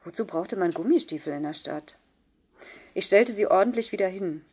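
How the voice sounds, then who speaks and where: A woman reads a first-person novel aloud with a voice at middle pitch. Her delivery is measured and subdued. It suits a plain audiobook narration. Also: expressive, a little mellow, breathy edge. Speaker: audiobook reader.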